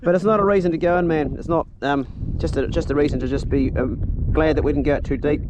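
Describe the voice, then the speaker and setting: A man's voice: fairly high pitch, quick pace. A man with a broad New Zealand accent chatting casually as a fishing video host, blokey, sweary and matey. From South Island, New Zealand. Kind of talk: casual chat to companion and camera. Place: outdoors on the water while fishing. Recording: clear outdoor boat and water noise.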